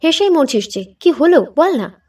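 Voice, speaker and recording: A woman voicing a lively, bossy young woman who teases and pushes others along, in a spoken storybook reading. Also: sits high, distant mic, pitched above the performer's own voice. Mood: eager, teasing. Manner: eager, teasing, quick to push.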